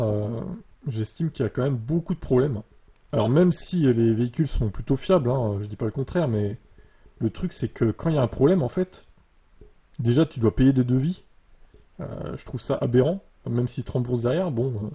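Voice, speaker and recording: A man's voice: mid-range voice, slightly rough. A man chatting casually on camera, reading bits of an article and reacting to them with lots of fillers, recorded on a USB desktop microphone that makes his voice sound muffled. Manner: relaxed, many fillers, reads article lines then reacts. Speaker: YouTuber commenting on electric cars. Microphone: USB desktop mic. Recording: dark muffled mic sound.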